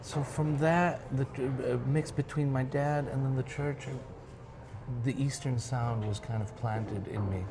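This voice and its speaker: An unhurried man with a steady tone and medium pitch looks back on old times as a guest in a casual interview, with clearly noisy ambience around him. He's a musician and music director from Michigan, United States, speaking English in an American accent sprinkled with Arabic phrases.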